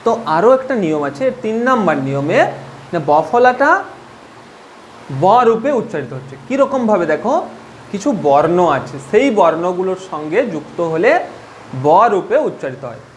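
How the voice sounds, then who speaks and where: A man's voice: high voice, expressive, moderate pace, a little hiss or hum. A man teaching a spoken grammar lesson, patient, repeating each point and asking the listener questions.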